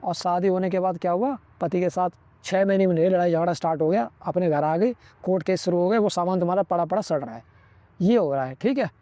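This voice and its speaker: A young man with a high but mellow voice lectures his viewers on social pitfalls. His delivery is preachy and insistent, and the dry close sound keeps every word upfront. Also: fast, dry recording. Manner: preachy, lecturing, constantly says "ठीक है". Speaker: vlogger. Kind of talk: opinionated advice monologue.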